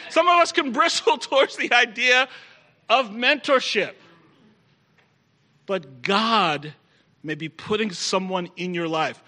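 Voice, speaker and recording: A middle-aged male preacher delivering a sermon to a congregation in the room. His voice sits high and sounds piercingly bright. He is emphatic and drives his points home by repeating key phrases. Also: slow, long pauses.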